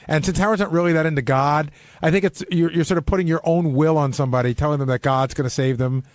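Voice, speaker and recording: A radio show panelist and staffer chats bluntly in the studio, swearing freely as he offers his opinions. His fairly high voice is steady and fast, captured with studio quality and no room sound.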